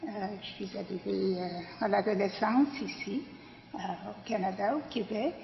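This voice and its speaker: A woman in her sixties, from Pakistan, gives a personal testimony as a garden volunteer. She speaks very slowly and hesitantly, with many fillers. The recording is dull and lo-fi, with a long hall echo. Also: mid-range voice, gravelly. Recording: echoey hall, dull lo-fi sound.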